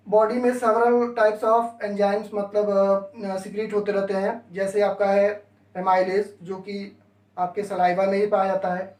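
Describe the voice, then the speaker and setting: A man's voice: high voice, a little mellow. A male biology teacher explains each term step by step and mixes English words into his speech. He sounds set back from the mic. The room around him is roomy and echoing. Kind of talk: classroom lecture. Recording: echoey room, voice from a distance.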